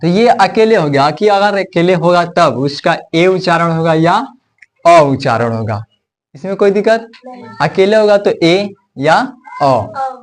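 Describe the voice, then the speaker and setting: Man, somewhat high voice, unhurried, English phonics teacher, repeats and checks in. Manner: slow, repeats sounds and checks with "ठीक है". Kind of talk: blackboard phonics lesson.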